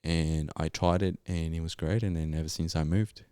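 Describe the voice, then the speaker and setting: Deep-voiced young Colombian man, smooth and laid-back. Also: steady tone, moderate pace, dark tone, dry recording, studio quality. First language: Spanish. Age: young adult. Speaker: podcast guest, geologist. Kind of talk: casual interview storytelling.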